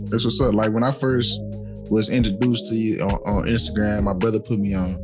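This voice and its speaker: A man's voice: fairly low pitch, flat delivery, a little fast, music in the background. A man hosting a casual podcast, easygoing and often repeating "for real, for real.". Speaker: podcast host.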